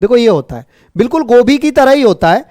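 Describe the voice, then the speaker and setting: A man teaching an online exam-prep class, brisk and repetitive, teasing and jokingly scolding his students. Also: very high-pitched, lively intonation, a little mellow, no echo, studio quality.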